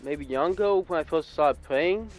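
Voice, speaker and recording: A man's voice: a little high, measured pace, faint music behind. A man in his twenties from California giving casual, rambling gameplay commentary and correcting himself as he goes. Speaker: gaming YouTuber.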